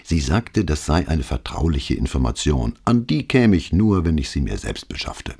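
A man's voice: rumbling low, very animated, moderate pace, a little mellow, slightly rough, exaggerated voice. A man doing a cautious, deferential police inspector. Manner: hesitant, deferential, diplomatic.

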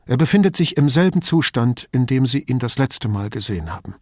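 A man's voice: medium pitch, lively intonation, brisk, a little mellow, no echo, studio quality, natural voice. A man voicing a weary, apathetic middle-aged woman professor in an audiobook, speaking in a listless, subdued way.

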